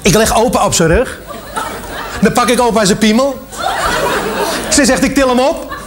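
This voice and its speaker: A man telling jokes in a lively way, dropping his voice low when he plays an old woman. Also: normal speed, crowd noise, background noise. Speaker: joke teller.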